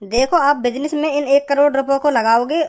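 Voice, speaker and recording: An actor doing a smooth-talking cartoon salesman. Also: sits high, steady tone, brisk, close to an everyday voice. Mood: persuasive. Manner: persuasive, explanatory sales patter. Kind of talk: cartoon comedy voice acting.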